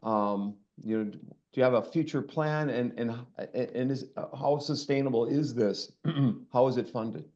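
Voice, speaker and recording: A man's voice: medium pitch, unhurried, warm tone. Man co-host on dull lo-fi audio. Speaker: podcast co-host. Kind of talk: panel discussion.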